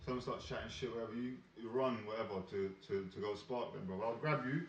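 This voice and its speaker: A man's voice: medium pitch, fast talker, crowd noise. A young man with a London roadman accent chatting casually and emphatically in heavy street slang, often repeating himself. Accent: London roadman, urban street slang. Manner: emphatic, repeats himself, tags phrases with "bro" and "innit". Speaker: podcast co-host. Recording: roomy, distant, dull with faint noise.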